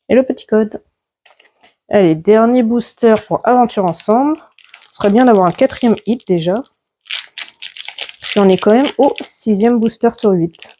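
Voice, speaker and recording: A woman's voice: mid-range voice, mellow. A woman chatting casually as she opens trading card packs, listing each card as it comes out. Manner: chatty, lists cards one by one. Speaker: YouTuber opening card packs. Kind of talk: casual pack-opening commentary.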